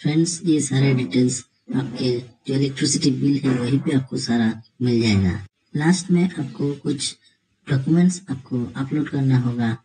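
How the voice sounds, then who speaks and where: A man's voice: medium pitch, moderate pace, slight background noise, low-quality recording. A man narrating a screen tutorial, walking viewers step by step through an online form and calling them friends. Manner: steady step-by-step explaining, addresses viewers as friends. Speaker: tutorial presenter.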